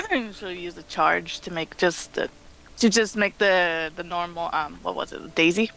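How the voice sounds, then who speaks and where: A woman's voice: on the low side, lively intonation, measured pace, vocal fry, pushed and bright, rough recording. A woman playing in an online tabletop game, giggly and a bit unsure of the rules, talking over voice chat. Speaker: player.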